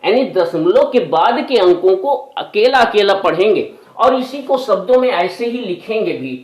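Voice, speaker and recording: A man's voice: high-pitched, animated, moderate pace. A man teaching a maths lesson step by step, patient, going back over the steps and correcting himself aloud. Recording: echoey room, voice from a distance.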